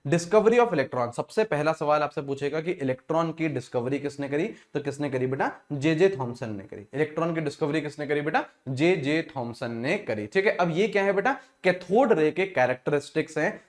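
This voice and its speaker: A man's voice: fairly high pitch, lively intonation, normal speed. A man with an Indian accent teaching exam chemistry, who asks questions and answers them himself and calls students "beta". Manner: calls listeners beta, repeats key points. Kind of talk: exam revision lecture.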